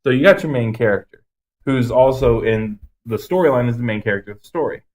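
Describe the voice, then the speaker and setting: Talking fast in a mid-range voice, this man co-hosts a podcast and rants casually in a movie review discussion. He's blunt and emphatic, and a few swear words slip in.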